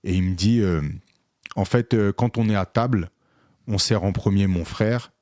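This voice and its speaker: Male co-host, lowish voice, animated storyteller, dry close sound. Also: normal speed, dry recording. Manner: animated, re-enacts dialogue with many fillers. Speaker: podcast co-host, photographer. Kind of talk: casual storytelling chat.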